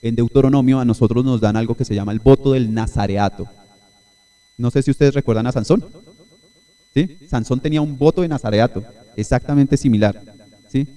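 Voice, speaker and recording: Male pastor, sermon, dark mellow voice, mid-pitched, teaching tone. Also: brisk, long pauses. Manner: teaching tone, often checking in with "¿sí?". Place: church service.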